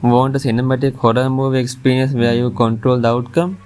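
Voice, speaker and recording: A man's voice: mid-range voice, fairly even intonation, brisk, a little mellow. A man reading a scripted top ten countdown as its narrator, with music playing behind him. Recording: music under the voice.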